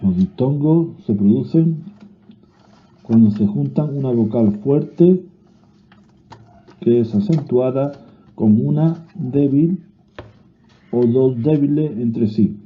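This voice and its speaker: Reading out a grammar lesson, this Spanish-accented teacher keeps a slow, deliberate pace and now and then starts a word over. The narrow-band audio sounds like it came through a phone, and his pitch sits in the middle range.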